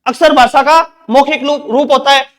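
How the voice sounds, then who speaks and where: Guy teaching grammar for exam prep, fairly high voice, keeps repeating stuff and asking the class questions. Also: steady tone, moderate pace, a bit bright. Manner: repetitive, drills points with rhetorical questions.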